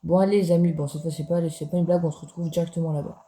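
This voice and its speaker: A man's voice: fairly high pitch, flat delivery, rapid-fire, dark tone. A man giving casual gameplay commentary as a gaming YouTuber, chatty and jokey, talking straight to his viewers.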